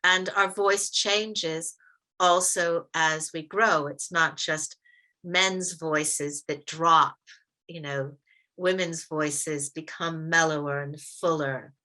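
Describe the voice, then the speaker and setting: Workshop leader, woman, light American accent, clear bright tone, deliberate pacing with slowed emphasis, heard over a video call. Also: sits low, steady tone. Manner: measured, stresses words slowly. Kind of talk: interactive workshop teaching.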